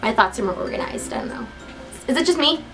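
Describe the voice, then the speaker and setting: Over music, a young American woman introduces herself to her vlog audience, chatting casually to camera. She's giggly, upbeat and talkative, with a fairly high, expressive voice and a fast pace.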